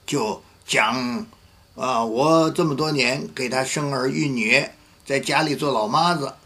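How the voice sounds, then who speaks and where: A male pastor preaches in a gravelly, creaky voice at an everyday middle pitch. He tells his story vividly and slips into the voices of the people he quotes. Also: a little slow, fairly bright tone. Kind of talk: sermon with storytelling.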